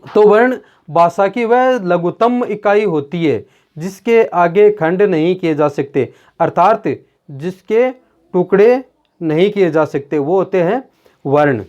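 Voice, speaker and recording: Male grammar teacher, high voice, lecture delivery with rhetorical questions, dull lo-fi recording. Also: lively intonation, slow, darkish tone. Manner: explains step by step with rhetorical questions. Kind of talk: classroom-style lecture. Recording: dull lo-fi sound.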